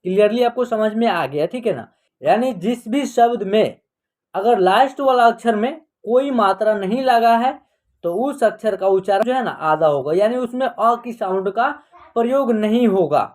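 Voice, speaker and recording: A man's voice: high voice, animated, a little mellow. A man teaching a Hindi reading lesson, patiently spelling out each letter and word. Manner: patient, repetitive, spells words out slowly.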